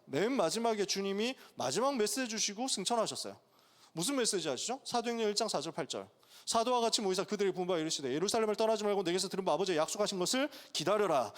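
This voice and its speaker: A young pastor preaching to college students, telling the story with quoted voices and casual asides. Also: male voice, sits high, fairly bright tone, big-room sound.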